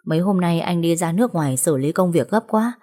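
A caring young man in an audiobook romance, urgent and firm as he reassures, read by a female narrator. The voice sits low and moves quickly. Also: expressive, dark tone, close to an everyday voice. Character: caring young man, protective older brother.

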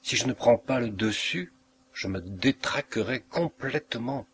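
A man's voice: mid-range voice, animated, a little slow, fairly bright tone, a little hiss or hum. A man voicing an anxious, frightened mother in a read-aloud story, speaking with a tense, unsteady manner.

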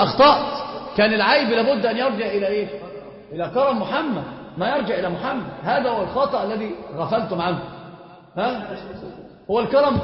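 Speaking quickly in a voice that sits high, an Islamic teacher delivers a creed lecture to his class. He poses questions to the students and then supplies the answers himself, all captured in an echoey hall with dull lo-fi audio.

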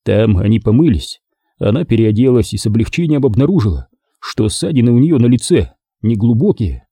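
A man narrating a crime novel as an audiobook in an expressive, dramatic reading. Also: medium pitch, brisk, slightly rough, dry recording, clean studio sound.

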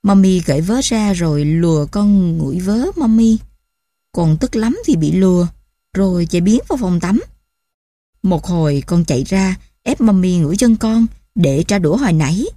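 A woman's voice: fairly low pitch, lively intonation, normal speed, no echo, studio quality. A woman, tenderly telling stories as a mother. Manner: tender, gently affectionate storytelling. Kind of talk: storytelling narration.

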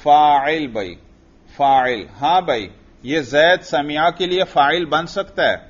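A man teaching an Arabic grammar lesson, questioning a student and repeating the answers. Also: on the high side. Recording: dull lo-fi audio.

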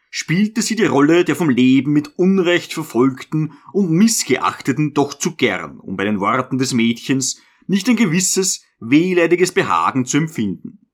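A man narrating a literary audiobook in a measured, expressive way. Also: medium pitch.

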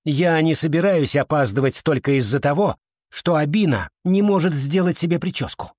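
A man's voice: mid-range voice, lively intonation, moderate pace, dry recording, studio quality, close to an everyday voice. A man voicing a snobbish, bossy schoolgirl in an audiobook, with a snappy, sneering delivery. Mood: snappy haughty.

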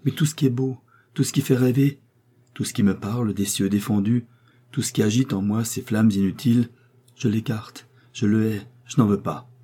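Proud, vehement young heiress, husky edge, voiced by a man reading. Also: fairly low pitch, fairly even intonation, normal speed, warm tone. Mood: impassioned. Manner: impassioned, vehement, sometimes tearful. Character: proud passionate young heiress, wary of suitors. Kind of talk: audiobook reading.

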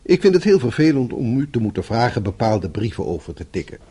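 In a Dutch radio play, a male actor voices a blunt but concerned office boss, formal and probing, sounding stern and worried. His medium-pitched voice is husky and warm, and he speaks briskly and with great animation.

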